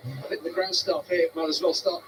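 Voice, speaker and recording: A man giving measured, analytical live football commentary, heard through noisy broadcast audio. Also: a little high.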